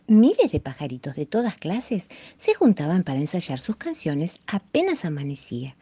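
A woman reading a children's folk tale aloud with an expressive delivery. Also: deep voice, husky, dull audio. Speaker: storyteller. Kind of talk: scripted storytelling for children.

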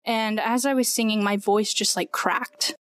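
A woman's voice: mid-range voice, fairly even intonation, unhurried, clean tone, dry recording, studio quality. A young woman, a podcast guest, earnestly telling her personal story with many "like" fillers. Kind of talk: personal testimony in conversation.

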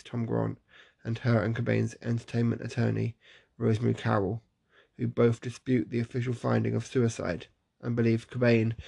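A man's voice: mid-range voice, gravelly, mellow, husky. A man hosting a casual solo podcast in a groggy morning voice, chatty and self-deprecating, laughing at himself. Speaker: podcast host.

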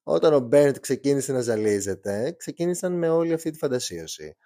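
A man's voice: mid-range voice, lively intonation, mellow, no echo, clean studio sound. A young man hosting a true crime podcast, telling the story in a chatty, slangy way with joking asides. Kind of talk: casual storytelling narration.

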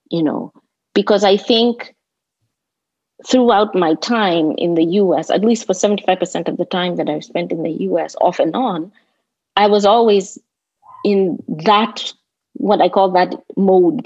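On the low side, with a darkish, husky tone, a Kenyan woman who grew up in Nairobi talks thoughtfully as an interview guest about her life as a landscape designer. Her accent is Kenyan, she repeats points for emphasis, and the recording is roomy and slightly dull lo-fi.

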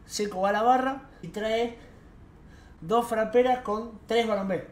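A young man with an Argentine accent telling a night-out anecdote in casual, slangy, animated chat. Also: high voice, unhurried, faint music behind. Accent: Argentine Rioplatense Spanish. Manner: animated, slangy, laughs as he tells it. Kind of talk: casual storytelling.

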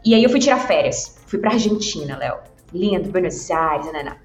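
A Brazilian-born woman co-hosting a casual talk show, telling stories in a lively way and laughing often. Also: fairly low pitch, moderate pace. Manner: animated storyteller, laughs often. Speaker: podcast co-host. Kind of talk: casual chat. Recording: roomy, dull sound with faint music.

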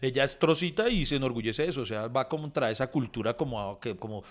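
A man, co-hosting a podcast in casual chat, playful and quick to laugh. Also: medium pitch, animated. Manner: playful, laughs a lot, self-correcting. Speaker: podcast host.

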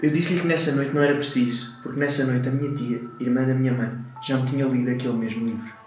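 A young man with a European Portuguese accent, co-hosting a casual chat and reading short horror stories aloud in a teasing, hurried way. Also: mid-range voice, fairly even intonation, far from the mic, soft background music. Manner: teasing, rushes through his readings. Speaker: podcast co-host. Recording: very echoey room.

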